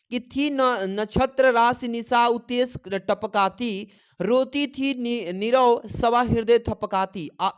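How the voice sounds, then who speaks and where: A man tutoring students for a Hindi exam. He asks a question, answers it himself and repeats the key answers so they can be written down. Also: sits high. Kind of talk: exam-prep teaching.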